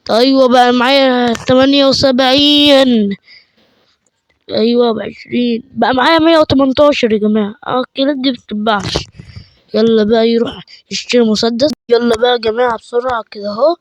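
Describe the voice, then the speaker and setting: A man with an Egyptian Arabic accent giving chatty let's play commentary, excitable and quick to burst into panicked repeated shouts. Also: very high voice. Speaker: gaming channel host.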